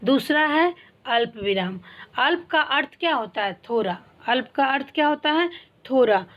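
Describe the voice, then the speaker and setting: Woman schoolteacher, high voice, patient step-by-step explaining, muffled lo-fi sound. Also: animated. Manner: explains slowly, asks the class questions and answers them herself. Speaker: primary school Hindi teacher. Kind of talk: online class lesson.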